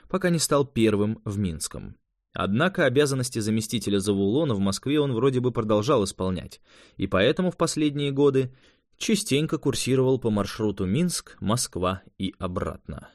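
A man narrates fiction in a low voice with lively, expressive intonation. His reading is measured and even-paced. The sound is close and dry, without any room echo. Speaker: audiobook narrator. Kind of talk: scripted narration.

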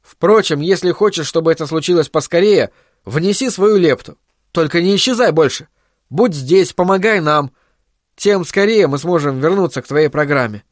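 A man's voice: a little high, moderate pace, no room sound, studio quality, voice pushed up, lightly acted. A man voicing an agitated, stubborn middle-aged male scientist who talks in emphatic, heated bursts. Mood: urging. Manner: heated, emphatic, pleading at times.

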